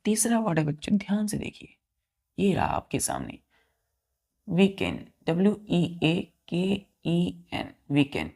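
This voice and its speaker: A man teaching vocabulary, spelling each word letter by letter, counting aloud and repeating key words slowly for his students. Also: on the high side, wildly swooping pitch, vocal fry, a little mellow. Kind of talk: vocabulary lesson.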